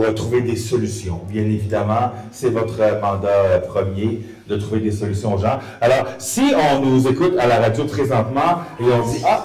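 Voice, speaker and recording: Man, Quebec French accent, live radio host, medium pitch, pausing delivery, echoey venue. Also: a little mellow. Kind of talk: live event hosting and interviewing. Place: live event venue with an audience. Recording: echoey room, distant from microphone.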